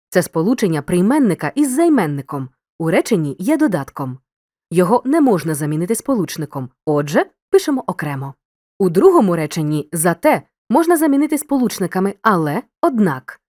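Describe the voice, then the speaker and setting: A woman narrating a scripted grammar lesson as a teacher, giving clear instructions and speaking straight to the learner. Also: medium pitch, a little mellow, no room sound, studio quality. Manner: clear didactic instruction, addresses the learner directly.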